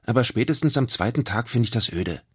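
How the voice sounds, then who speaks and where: A man's voice: mid-range voice, animated, brisk, slightly rough, pitched above the performer's own voice. A man voicing a restless, eager boy in an audiobook, keen on doing something cool. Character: eager boy looking for fun. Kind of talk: audiobook character voice.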